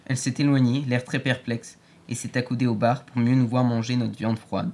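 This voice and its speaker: A man reads an audiobook aloud in a clear, steady storytelling manner. His voice sits in a middle range for a man. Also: mid-range voice, a little fast, a little hiss or hum. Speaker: narrator. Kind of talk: audiobook narration.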